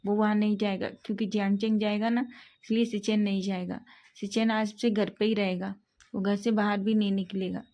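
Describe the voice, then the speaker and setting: A woman tells a fan-fiction love story in a casual, chatty way. Her voice sits at a middle pitch with a dark, mellow tone. She reads the characters' lines in her own voice and gets louder for the heated ones.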